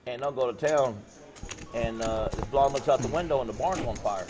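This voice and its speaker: A man telling jokes between hands at a poker game. His voice is mid-pitched and plain. He puts on voices whenever he quotes someone in the story. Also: brisk, a little mellow, slight background noise. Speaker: poker player.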